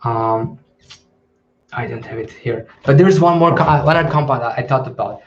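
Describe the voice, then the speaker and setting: A man's voice: mid-range voice, normal speed, slight background noise. A man hosting a live question-and-answer stream, answering in a hesitant way with many ums and restarts. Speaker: channel host. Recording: dull lo-fi livestream audio.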